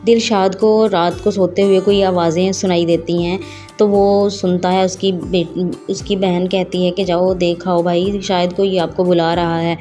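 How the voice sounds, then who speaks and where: A woman retelling the plot of a drama episode in an unhurried recap, with some hesitations. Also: lowish voice, little pitch movement, warm tone, soft background music. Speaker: drama reviewer.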